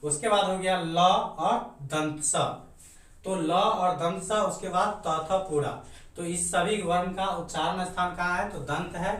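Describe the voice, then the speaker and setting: A man's voice: high voice, slow pace, a bit bright. A man teaching a grammar lesson, explaining step by step and answering his own questions. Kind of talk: grammar lecture. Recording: very echoey room, mic far off.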